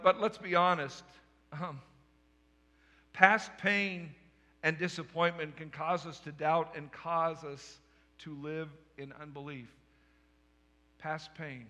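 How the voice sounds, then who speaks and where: A man's voice: on the high side, bright, forceful tone, long reverb tail. A male pastor giving a sermon, telling the story with humor and acting out the scenes.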